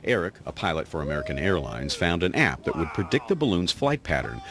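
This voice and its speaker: A man reporting a scripted TV news story in a lively storytelling delivery. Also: low-pitched, fast talker, noisy background.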